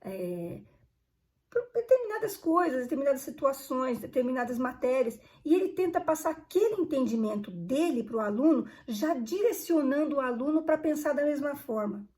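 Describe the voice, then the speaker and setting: A woman's voice: high voice, very animated, moderate pace, warm tone. A woman teaching a Bible study, earnest and conversational, repeating phrases for emphasis.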